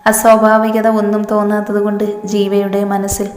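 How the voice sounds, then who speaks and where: A woman's voice: medium pitch, monotone, moderate pace, a little mellow. A woman narrating a romantic story, switching into playful voices for the characters' dialogue. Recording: echoey room, faint music.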